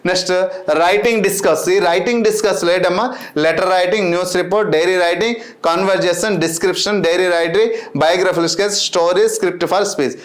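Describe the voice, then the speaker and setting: A male coach lectures with a rousing push and then runs through lists of grammar terms. His voice sits high. The room echoes around him. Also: steady tone, fast. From Andhra Pradesh, India. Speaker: exam coach, English teacher. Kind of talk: motivational lecture and exam lesson.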